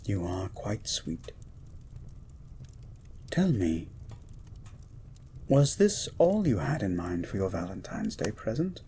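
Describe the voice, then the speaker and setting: A man playing a gentle, erudite beast of a scientist in a romantic audio roleplay, speaking in eloquent, formal, flirtatious phrases and lingering over his words. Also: deep voice, big pitch swings, slow, pauses often, a little hiss or hum, full character voice. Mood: devoted.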